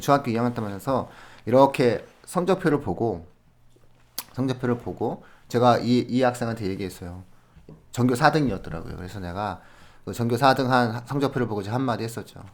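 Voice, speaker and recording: A man on an education podcast, telling classroom stories in an animated way and laughing often as he gives advice. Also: mid-range voice, fairly quick. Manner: animated storytelling with frequent laughs; explains in a friendly advising way. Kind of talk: conversational podcast talk.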